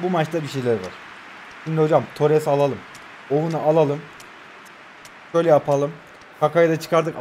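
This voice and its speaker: Over slight background noise, a Turkish man in his twenties with a fairly high voice provides live commentary on his own mobile football match. Keeping his voice low at night in his new home, he still excitedly shouts player names and chats with the people watching.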